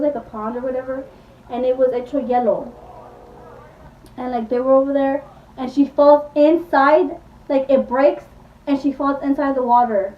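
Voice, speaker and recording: Chatty high-voiced woman retelling a movie. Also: recorded from a distance, slight background noise. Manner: rambling, full of "like", acts out quotes. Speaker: beauty vlogger. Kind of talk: casual retelling of a movie plot. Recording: echoey room, voice from off-mic, dull sound.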